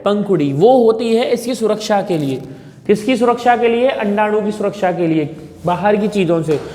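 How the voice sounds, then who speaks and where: High-voiced male tutor drilling terms. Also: darkish tone, reverberant, big-room sound. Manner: repetitive drilling, questions and corrections. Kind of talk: classroom teaching with call-and-response drills.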